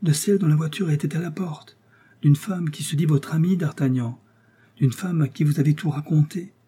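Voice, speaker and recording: A frightened young woman pleads in a raised, breathless voice, as a male reader acts her out. The tone is pitched above his usual and kept dark and husky. She sounds weak and anguished. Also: normal speed. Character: young frightened loving woman, faint and dying.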